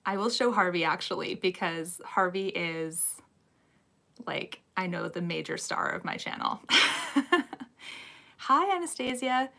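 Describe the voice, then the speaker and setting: A woman's voice: fairly low pitch, expressive, slow pace, vocal fry, sharp tone. A young woman hosting a live Q&A from home on her phone, nervous and giggly as she greets viewers by name. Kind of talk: casual live-stream chat.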